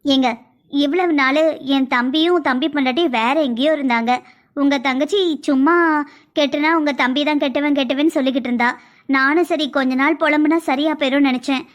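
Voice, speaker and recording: A fairly high voice of a worried housewife who presses her husband with steady complaints and arguments, as a woman voices her for a cartoon. Her tone is insistent and reasoning. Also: brisk, close to an everyday voice. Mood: complaining. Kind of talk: cartoon voice acting.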